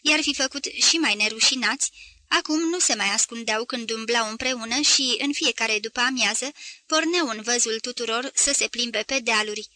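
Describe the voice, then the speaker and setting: A woman reading a novel aloud as an audiobook, telling the story at a measured pace and lightly voicing the characters' lines. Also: fairly high pitch, bright, forceful tone, no echo. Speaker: audiobook reader. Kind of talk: scripted literary narration.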